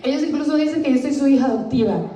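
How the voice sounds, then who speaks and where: A woman's voice: sits high, rapid-fire, mellow. A woman giving an earnest, emotional personal testimony to a church congregation. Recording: echoey room, voice from far off.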